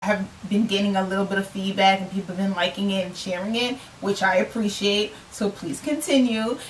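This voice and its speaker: A woman's voice: medium pitch, fairly even intonation, a little fast, distant mic, poor audio. An earnest woman in her twenties speaks in a casual, reflective vlog manner, often repeating a phrase to press a point home. Her voice sits a little back from the microphone, with a faint hiss underneath. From United States. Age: 20s. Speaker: self-published author.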